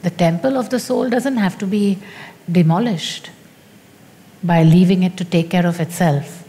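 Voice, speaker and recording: A woman spiritual teacher speaking in a slow, deliberate and emphatic way in a teaching dialogue. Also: lowish voice, dark tone, in a large hall.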